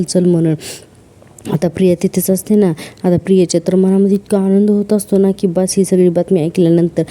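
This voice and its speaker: A woman's voice: medium pitch, dark tone. A woman with a Marathi accent, casually retelling a TV serial episode and reading each character's lines in quotes. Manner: retells scenes, voicing characters' lines in quotes with little change. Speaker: serial episode recap narrator.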